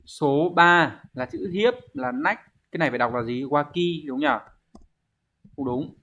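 A fairly high-pitched man with a fairly bright tone takes his time teaching a Japanese exam lesson in a Vietnamese accent. He goes through every answer in steps, asking himself questions, and the recording is dull and lo-fi.

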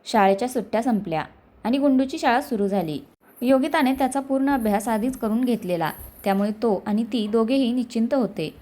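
A woman's voice: fairly high pitch, a little fast, warm tone. Woman narrating a family story.

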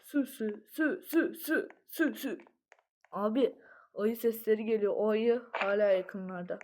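A woman giving let's-play commentary, jumpy, swinging from muttering to panicked yelling, with playful sing-song chanting. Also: on the high side, measured pace, a little hiss or hum, low-quality recording. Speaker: gamer.

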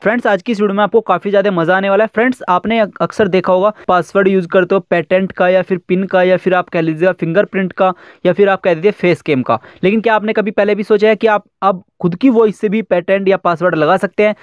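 A young man hosting a casual tech tutorial, chatty and quick as he walks through an app step by step. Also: high-pitched, fairly even intonation, clean tone, no echo, dull audio. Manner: quick chatty explaining with fillers. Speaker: YouTube tech tutorial host.

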